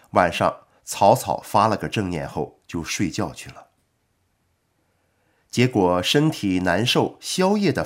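Man, low voice, lively pitch, calm measured article reading. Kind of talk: scripted narration.

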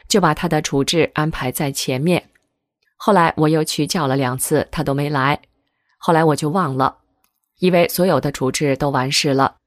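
A woman reading a first-person article aloud in a steady, measured way. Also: sits low, no room sound, clean studio sound. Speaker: article reader. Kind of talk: scripted reading of a testimonial article.

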